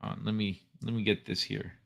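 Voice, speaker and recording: A man with a fairly low, level, creaky voice hosts a casual livestream. He chats loosely with viewers, joking and laughing often and tossing in quick asides.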